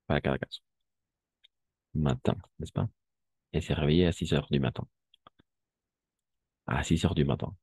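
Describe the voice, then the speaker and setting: A man teaching a live online class, repeating phrases slowly to drill pronunciation and often checking that his students follow. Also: very deep voice, a little mellow, husky, no room sound, clean studio sound. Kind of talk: online language lesson.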